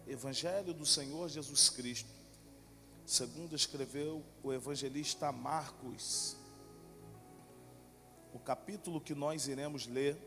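A Brazilian man preaching a sermon to a congregation, with a tongue-tied lisp and slushy s sounds, in an emphatic, deliberate manner that repeats phrases. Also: medium pitch, fairly bright tone. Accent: Brazilian Portuguese. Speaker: guest preacher. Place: large echoey church. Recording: long hall reverb, music behind.

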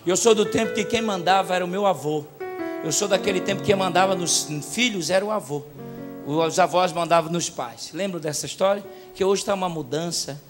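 Brazilian preacher, high male voice, swings from hush to shouting, live music under him. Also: fairly quick. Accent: Brazilian Portuguese. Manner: storytelling, swings from quiet to shouting. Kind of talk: sermon.

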